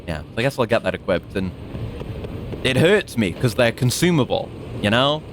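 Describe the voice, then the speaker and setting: Man, game streamer, casual rambling commentary, lively varied pitch, faint noise and clicks behind. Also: moderate pace. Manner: rambling, thinking aloud.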